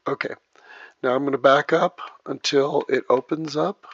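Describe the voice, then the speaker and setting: Sex: man. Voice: gravelly, a bit creaky. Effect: low sample rate, muffled lo-fi audio. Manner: talks through each click of a software tutorial. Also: steady tone, moderate pace, crowd noise. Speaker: video editing instructor. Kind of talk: step-by-step screen tutorial. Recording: dull lo-fi dry voice track.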